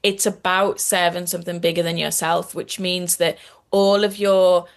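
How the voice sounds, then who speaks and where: A woman's voice: lowish voice, level tone, moderate pace. A woman with a Scouse accent, a guest in a podcast interview, explaining at length in an earnest way with frequent restarts. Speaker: guest, activist and author.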